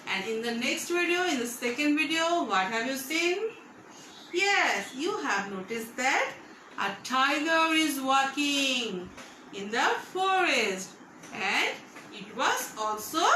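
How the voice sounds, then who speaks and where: A Bangladeshi-accented woman teaches young children an English word, drawing out her phrases slowly and repeating them patiently. Her voice is bright and high with a lively, swooping pitch. She sounds slightly distant from the microphone in a roomy space. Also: a little hiss or hum. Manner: slow, drawn-out and repetitive, coaxing young pupils. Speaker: primary school teacher. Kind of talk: online English vocabulary lesson.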